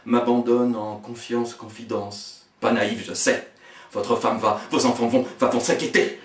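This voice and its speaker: A man performing experimental spoken-word poetry in a fragmented delivery, stammering and repeating words, swinging between hushed murmurs and sharp outbursts. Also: medium pitch, little pitch movement, unhurried. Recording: echoey room, voice far from the mic.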